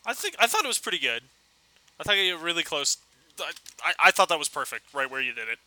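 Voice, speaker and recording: An enthusiastic man chats casually with fellow writers on a podcast. His voice is bright, forceful and a little higher than most men's. The sound is dry and close. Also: sing-song, quick pace, no room sound, rough recording. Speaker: writing podcast co-host. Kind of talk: casual chat about writing.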